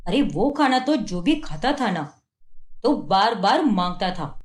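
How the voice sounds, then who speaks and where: A rude young husband from a cartoon story who keeps finding fault and scolding, as a woman voices him. The voice sits at a middle pitch, and the room around it adds a noticeable echo. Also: big pitch swings, a little slow. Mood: angry. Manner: scolding, complaining. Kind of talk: cartoon voice acting. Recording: roomy echo.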